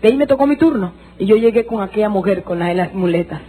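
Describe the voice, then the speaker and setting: A woman's voice: medium pitch, lively intonation, quick pace, mellow, slightly rough, rough recording. A woman giving an emotional church testimony, repeating herself and calling her listeners brothers. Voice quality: repetitive, addresses listeners as brothers.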